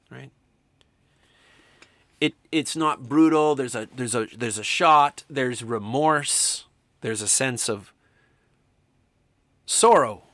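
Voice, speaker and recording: Animated, emphatic male film lecturer. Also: medium pitch, no room sound. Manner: animated, emphatic, swings from quiet to loud excitement; enthusiastic, talks to students directly. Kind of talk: recorded lecture.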